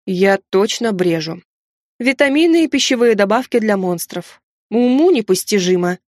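A woman narrating a first-person fantasy audiobook with a wry, lively inner monologue. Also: mid-range voice, moderate pace, dry recording, studio quality.

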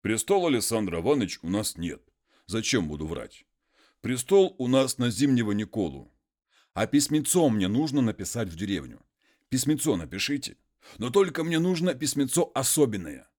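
Peasant role for a male narrator: illiterate, folksy, pleading, pitched well above his own voice, loud. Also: very animated. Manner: folksy, drawn-out pleading speech.

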